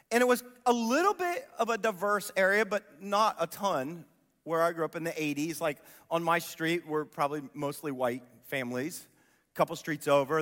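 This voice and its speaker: A man's voice: fairly high pitch, a bit bright. A man in his forties from Columbus preaching a sermon, telling stories animatedly and throwing rhetorical questions to the audience. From Columbus, Ohio. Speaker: pastor. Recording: long hall reverb.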